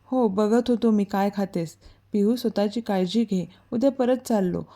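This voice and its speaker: A woman's voice: medium pitch, normal speed, warm tone, close to an everyday voice. A woman voicing a protective young man who gives firm, caring orders, in a storybook reading.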